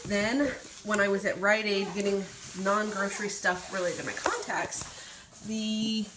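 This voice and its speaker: Her voice is mid-range and a bit bright as this thirties-aged vlogger from Ohio, United States, talks casually to camera, upbeat while showing off a grocery haul and prices. She films on a handheld phone in a room at home where groceries sit on a table near a TV, and the audio echoes with noise in the background.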